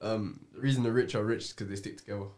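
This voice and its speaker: A man's voice: lowish voice, fairly even intonation, fast, darkish tone. A man with a London roadman accent and street slang, chatting casually on a podcast.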